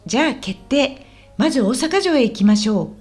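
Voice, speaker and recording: A woman voices a friendly, helpful guide leading a visitor around Osaka in a language-learner radio drama. She speaks briskly in a high, very animated voice, offering polite and clear explanations while faint music plays underneath.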